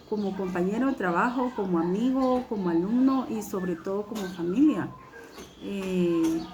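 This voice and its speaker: A middle-aged woman teacher, giving a recorded class lesson in a warm, encouraging way, with many hesitations, and repeating words slowly for her students to learn. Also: mid-range voice.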